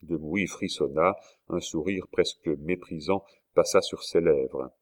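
A man narrating a historical novel as an audiobook, in a measured, even storytelling manner. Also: low voice.

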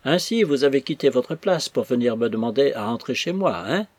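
A man with a husky voice voicing a sly, domineering master who mocks and threatens his servant, punching certain words louder in a dry, close recording. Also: mid-range voice, lively intonation, fairly quick, no room sound, natural voice. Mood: menacing, mocking. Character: sly menacing male master, scornful and domineering.

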